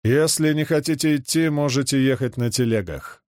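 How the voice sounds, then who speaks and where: A man's voice: medium pitch, moderate pace, a little mellow, dry recording, clean studio sound, lightly acted. A man reading the lines of a weary, irritated lord who growls his words curtly, in an audiobook. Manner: growling, curt.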